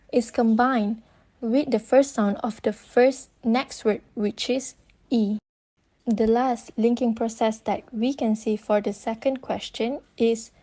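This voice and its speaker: A woman's voice: a little high, dark tone. A young woman with a Malaysian English accent, whose first language is Malay, giving a scripted student presentation and carefully reading out prepared explanations. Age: young adult.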